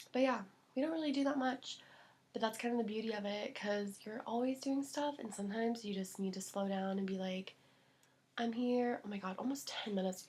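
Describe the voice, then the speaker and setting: A young woman talking casually to camera about books and the holidays, gushing and chatty, full of fillers and quick little laughs. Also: mid-range voice. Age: young adult. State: out of breath. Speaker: vlogger. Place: at home, indoors.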